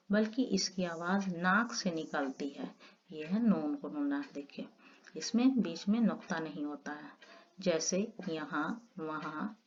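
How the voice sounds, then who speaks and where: A woman teaches a grammar lesson at an unhurried pace, explaining each point step by step and stretching out the example words. Her voice sits a little low. The recording is dull and lo-fi, with a faint hiss underneath. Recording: dull lo-fi audio with faint noise.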